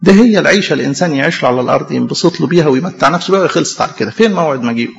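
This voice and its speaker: A man's voice: on the high side, lively intonation, racing, gravelly. A man with an Egyptian Arabic accent preaching a sermon, emphatic, asking rhetorical questions and answering them himself. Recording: echoey hall, dull lo-fi sound.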